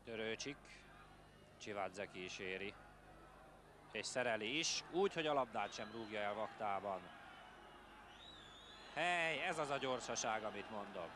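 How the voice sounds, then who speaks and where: A man giving excited live Hungarian football commentary, calling player names in clipped phrases and swinging into exclamations. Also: fairly low pitch, pauses often. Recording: noisy vintage TV broadcast from stadium. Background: stadium ambience.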